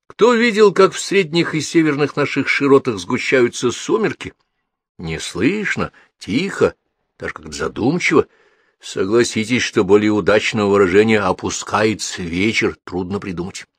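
Male audiobook narrator, low husky voice, calm and measured, dry. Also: dry recording.

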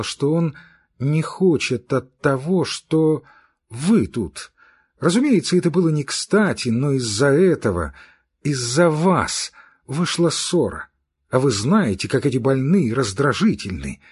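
A man voicing a gentle, calm young woman in an audiobook reading, speaking in a soothing, patient way. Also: on the high side, a little slow, slightly rough, voice pushed up.

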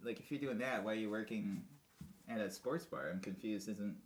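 A man's voice: lowish voice, moderate pace, poor audio. A man hosting a casual podcast, bantering in a teasing, mock-formal way and laughing often. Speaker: podcast host. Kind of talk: casual chat.

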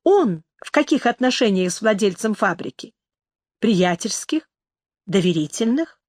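A woman's voice: mid-range voice, very animated, a little slow, a little mellow, no room sound, clean studio sound. A woman reading an audiobook, voicing a curious young woman detective who asks polite, probing questions.

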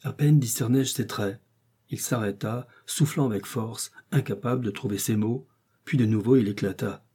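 A man narrating a classic adventure story in the first person, in measured literary storytelling. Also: mid-range voice, mellow, husky. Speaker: audiobook narrator. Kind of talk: scripted narration.

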